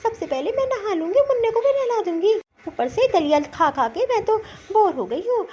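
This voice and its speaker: Very high-voiced sad young new mom done by a woman, whiny and worn out, kinda dull lo-fi audio. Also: sing-song, moderate pace, warm tone. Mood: self-pitying. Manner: plaintive, self-pitying complaining. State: weak and sore after childbirth. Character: weak young new mother, tearful and put-upon. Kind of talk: cartoon story voicing. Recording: slightly dull lo-fi recording.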